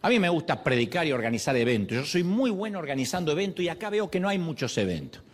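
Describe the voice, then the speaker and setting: A man's voice: fairly high pitch, very animated, quick pace. A man voicing a self-assured, boastful male pastor friend.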